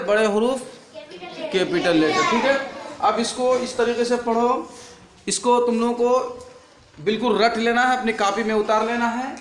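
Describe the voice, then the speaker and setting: A man's voice: sits high, echoey room. A man teaching a class, drilling letters through repeated question and answer and telling the pupils off for noise. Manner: repetitive call-and-response drilling. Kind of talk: classroom lesson.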